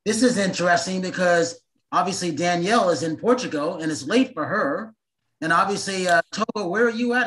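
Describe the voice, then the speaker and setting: A man's voice: high voice, a bit bright, low-quality recording. A man hosting an interview over a video call from a waiting room, upbeat and repeating his questions. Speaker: host.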